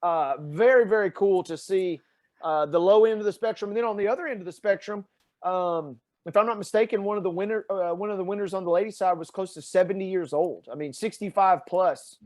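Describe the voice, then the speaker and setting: A podcast guest from Tennessee tells stories in a casual chat, animated and full of fillers. He has a Southern American Tennessee accent and a high voice, and he talks briskly.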